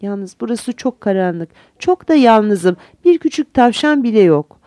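Storybook fir tree, young and naive, wistful inner voice, mellow tone, read by a woman. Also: on the high side, lively intonation, unhurried, no room sound, studio quality.

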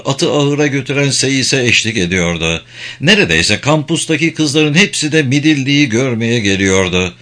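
A man's voice: mid-range voice, a bit bright. A man reading a novel aloud as narrator, voicing all the dialogue himself. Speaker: audiobook narrator. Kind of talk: scripted narration.

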